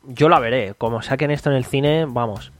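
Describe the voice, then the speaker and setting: A man co-hosting a podcast, telling the news in a relaxed, drawn-out way. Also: medium pitch, faint music behind. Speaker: podcast co-host. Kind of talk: casual podcast chat, reading news.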